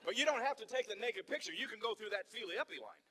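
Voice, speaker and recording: High, bright-voiced rambling male comedian. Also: lively intonation, fast, some chatter behind. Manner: rambling storyteller with stammering restarts. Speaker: stand-up comedian. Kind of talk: stand-up comedy routine. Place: theater stage.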